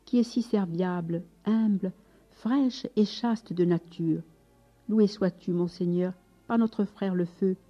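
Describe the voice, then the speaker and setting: A woman reading as a sick, humble friar praying. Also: mid-range voice. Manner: prayerful, solemn recitation. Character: sick, humble male friar, devout and pleading. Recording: slightly dull recording with soft music.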